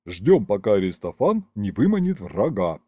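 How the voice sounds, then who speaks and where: A man playing a loyal excitable general. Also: lowish voice, normal speed, husky, dry recording, pitched below the performer's own voice. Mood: hushed. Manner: urgent, bursts into shouts. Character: loyal fussy male army general.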